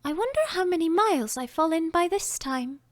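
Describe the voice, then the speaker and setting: A curious little girl, earnest and chatty, as a woman puts her on, musing aloud in a high, lilting voice that rises on every question. She talks to herself as she wonders, lively and bright in her storybook tone. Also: a little fast, no echo, studio quality. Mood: wondering.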